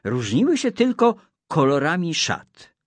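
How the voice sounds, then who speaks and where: A man telling a religious story for children in an expressive storytelling manner. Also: on the high side, measured pace, dry recording.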